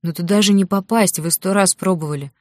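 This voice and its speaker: A woman's voice: lowish voice, a little fast, a little mellow, dry recording, lightly acted. Woman doing a worn-out loyal dragon, caring, a bit cross, fantasy audiobook. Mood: weary caring. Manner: weary, reproachful, caring. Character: young male dragon, loyal, tired and worried.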